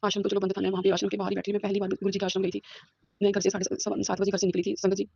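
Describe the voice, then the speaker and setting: A woman's voice: medium pitch, completely flat delivery, rapid-fire, creaky, mellow, slightly rough, no echo, muffled recording. A woman, a school teacher giving an earnest devotional testimony. She repeats herself often and mixes English words into her speech, recorded on a phone at home. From Punjab, India. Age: 50s. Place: a room at home.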